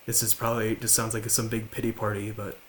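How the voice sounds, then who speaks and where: A young man in his late teens with a slight lisp, talking quietly and haltingly to the camera at home. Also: lowish voice, flat delivery, a little hiss or hum. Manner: halting, with many fillers and restarts. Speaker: vlogger. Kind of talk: confessional talk to camera. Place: large house, indoors.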